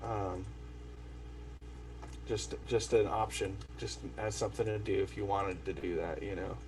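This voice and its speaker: An enthusiastic man chatting loosely on a video call, full of fillers. His voice is slightly low and sounds set back from the mic, with faint noise behind it. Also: fairly even intonation, measured pace, a little mellow, recorded from a distance, rough recording. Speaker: record label host. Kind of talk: casual video call chat.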